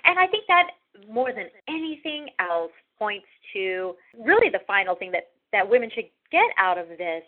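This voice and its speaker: A woman's voice: mid-range voice, very animated, moderate pace, few pauses. A woman hosting a radio interview, enthusiastic and encouraging toward her guest. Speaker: radio show host. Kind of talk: phone interview. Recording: tinny phone line.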